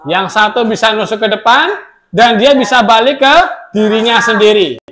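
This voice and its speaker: Speaking at a moderate pace in a high voice, a middle-aged male teacher delivers a classroom lecture. He lurches from loud outbursts to soft asides and voices quoted remarks sharply.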